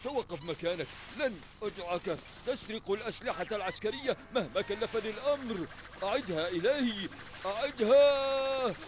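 Casting: bumbling cartoon army sergeant, feverish and self-important, highish swooping voice, over clear background noise. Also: male voice, big pitch swings, fast. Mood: frantic, defiant. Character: bumbling, feverish military sergeant obsessed with a thieving penguin. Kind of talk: dubbed cartoon acting.

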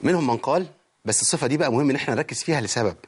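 A man's voice: medium pitch, expressive, racing, slightly rough. A man with an Egyptian accent teaching Quran recitation rules. He often asks a question and answers it himself, and he demonstrates the sounds as he goes. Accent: Egyptian Arabic. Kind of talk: lecture on recitation.

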